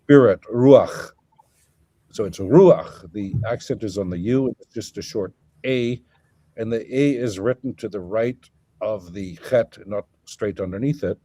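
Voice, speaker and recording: A guest scholar explains at length during an academic conversation, lecturing and thinking aloud with frequent fillers and restarts. He has a lowish, dark voice at normal speed, with no echo.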